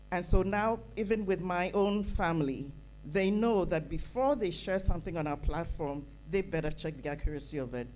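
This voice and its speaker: This is a low, darkish female voice belonging to a Ghanaian conference attendee who speaks from the floor of the hall on a handheld microphone. She is earnest and emphatic, repeating phrases as her words gain force. Poor audio with a little hiss or hum.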